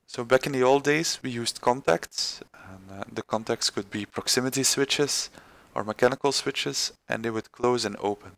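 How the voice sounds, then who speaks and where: A man presenting a screen-recorded software tutorial, halting with many fillers and restarts. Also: mid-range voice, vocal fry, no echo.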